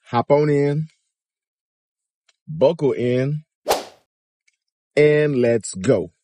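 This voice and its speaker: Speaking extremely slowly in a mid-range voice, with background noise audible, this vlogger in his fifties from Miami, Florida, chats animatedly to his viewers from his car. The casual commentary is captured on a phone or dash camera held at arm's length.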